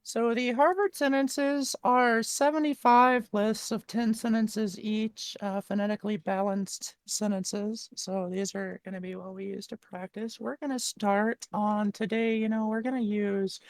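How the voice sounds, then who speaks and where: A woman voice coach walks through an exercise patiently, one step at a time, filling pauses with "like" and "um". Her voice sits at a middle pitch. The desk mic gives a close, dry sound with no room echo. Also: steady tone. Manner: patient, step-by-step, with frequent "like" and "um" fillers. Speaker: voice coach guest. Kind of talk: instructional explanation in a live-stream conversation. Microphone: desktop mic with adjustable gain.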